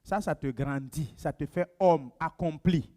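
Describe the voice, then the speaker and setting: A man preaching a sermon as pastor of his church, emphatic and repetitive, often acting out members of his congregation in a lowered voice. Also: unhurried, mellow. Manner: emphatic, repeats phrases for stress.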